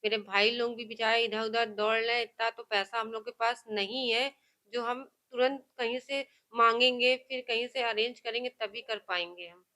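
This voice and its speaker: A woman speaks to a news reporter in a fairly high voice. She is emphatic and insistent, and her words tumble out quickly. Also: steady tone, pushed and bright. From Kanpur. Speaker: victim's sister. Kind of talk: news interview and heated argument.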